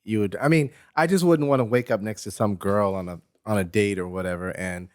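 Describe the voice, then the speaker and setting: A man with a fairly low voice joins a podcast chat in a hesitant, halting way, starting over as he talks. He is recorded close and dry. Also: dry recording. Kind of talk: casual chat.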